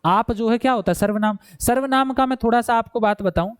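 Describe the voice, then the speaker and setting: Man, very high voice, exam-prep teacher, drawn-out repeated words, dry close sound. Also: smooth, no echo. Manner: addresses students as bhai, repeats words slowly for pronunciation. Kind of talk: explaining Hindi grammar for an exam.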